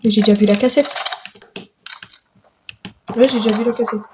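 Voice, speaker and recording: A woman talks through a video game with a fairly high voice, full of exclamations and stumbling repeats. Her let's play commentary jumps from gasps to quick remarks. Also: steady tone, background noise. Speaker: gamer.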